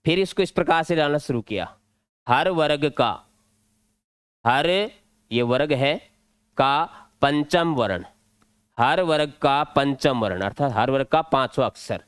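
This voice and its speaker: A man's voice: medium pitch, measured pace, long pauses, smooth, no room sound. A male teacher with a Rajasthani Hindi accent, explaining an exam-prep grammar lesson step by step at a board. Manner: step-by-step explaining, drilling points.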